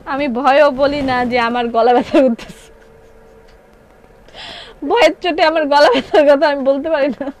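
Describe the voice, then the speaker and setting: A woman with a high, bright-pitched voice sells clothes on a live stream from a showroom, nursing a sore throat as she talks. She chats in a lively way, reads viewer comments aloud and cycles back through prices and ordering steps. A faint hum sits behind her. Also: normal speed, long pauses. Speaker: online clothing seller.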